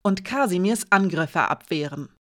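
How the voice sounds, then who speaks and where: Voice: medium pitch, lively intonation, normal speed, a bit bright, natural voice. An audiobook reader voicing a stern female commander who questions in a clipped, cold way. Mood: menacing. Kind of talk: audiobook character voice.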